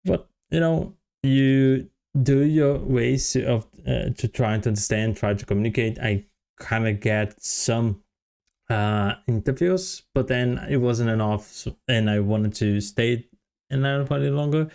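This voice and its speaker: A Brazilian man in his thirties, a software developer who vlogs, speaks with a Brazilian Portuguese accent as he casually tells his story to the camera, full of fillers and restarts. His mid-range voice is a little slow, with vocal fry and a darkish, clear, resonant tone.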